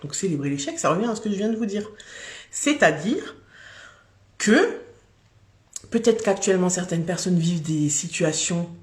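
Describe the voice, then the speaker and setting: A woman's voice: lowish voice, expressive, normal speed, pauses often, a little mellow. A woman who has children, reading tarot cards on a live stream in a chatty, casual way, with many fillers and restarts. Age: adult with children. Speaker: tarot card reader.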